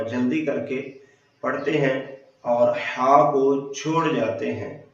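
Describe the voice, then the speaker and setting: Man, recitation teacher, slow deliberate delivery, drawn-out syllables, heavy room echo, distant dull recording. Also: mid-range voice. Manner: slow and careful, drawing out syllables to demonstrate. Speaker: religious teacher. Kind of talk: recitation lesson. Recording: echoey, dull room sound from off the mic.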